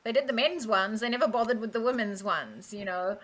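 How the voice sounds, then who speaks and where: A woman guest, a maritime professional, chatting frankly and telling lively stories in an interview. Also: a little high, fairly quick. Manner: lively storyteller who acts out quoted people; frank and candid. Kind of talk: casual interview chat.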